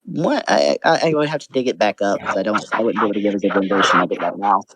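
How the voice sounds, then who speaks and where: A young man with a low-pitched voice, arguing a philosophical point in a casual online debate. He thinks aloud, stumbling through restarts and fillers as he goes. The sound is dry and close, with no room around it. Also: fast, fairly bright tone, breathy edge, dry recording.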